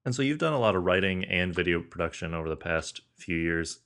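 A man hosting an interview, asking measured, thoughtful questions. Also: deep voice, lively intonation, a bit bright.

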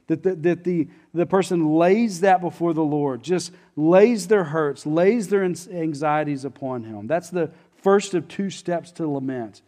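Pastor, male, slightly high voice; conversational, emphatic sermon delivery. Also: a little mellow. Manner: earnest, conversational preaching with frequent restarts and emphatic pauses.

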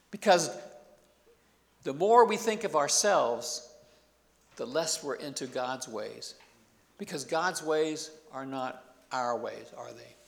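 A man's voice: fairly high pitch, fairly bright tone. Man preaching in an echoing hall. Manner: conversational preaching with rhetorical questions and asides. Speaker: pastor. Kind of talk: sermon.

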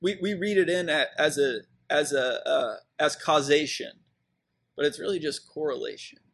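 A man's voice: on the high side, normal speed, gravelly, a bit bright, husky. A man, preaching a sermon in a conversational, reflective way with fillers and restarts. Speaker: pastor.

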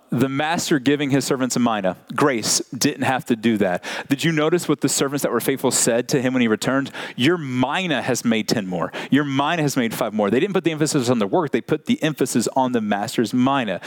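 A man preaching a sermon to a church congregation in a lively, conversational way, often saying "like". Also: mid-range voice. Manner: animated, conversational, frequent "like" fillers. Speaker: pastor.

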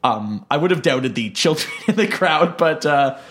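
A man's voice: on the high side, lively intonation, moderate pace, a bit bright. A young man co-hosting a podcast in casual chat, rambling and self-deprecating with lots of fillers. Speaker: podcast co-host.

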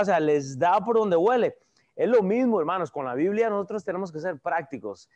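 A man's voice: high-pitched, darkish tone, dull audio. A man teaching a Bible class in a loose, conversational way, often checking with listeners and repeating himself. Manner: conversational, asks "¿verdad?" often, repeats words.

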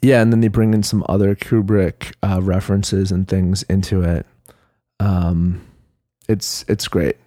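Casting: nasal man, mellow tone, relaxed rambling chat. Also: lowish voice, dry recording, clean studio sound. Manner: rambling, chatty, many fillers. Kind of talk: casual chat.

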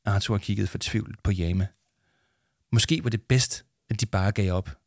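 A man reading a children's audiobook as narrator in a steady storytelling manner. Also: lowish voice, creaky, dry recording, studio quality. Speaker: audiobook reader. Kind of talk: scripted narration.

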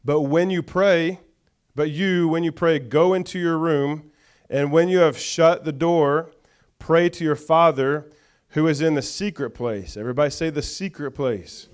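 A man's voice: a little high, unhurried, smooth. A man preaching a sermon to a church, reading scripture with call-and-response and chatty asides. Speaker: pastor.

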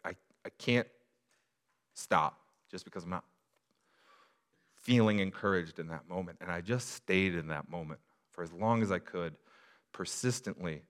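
Deep-voiced man preaching a personal sermon. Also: fairly bright tone. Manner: earnest, confessional, builds to emphatic repeated phrases. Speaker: pastor.

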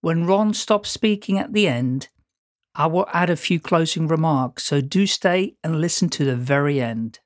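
Dry, deliberate male podcast host. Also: fairly high pitch, animated, dry recording. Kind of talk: scripted introduction.

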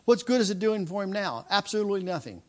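A man in his fifties preaching a sermon, driving points home with repeated lines and quick restarts. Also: high-pitched, very animated, darkish tone. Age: 50s. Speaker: pastor.

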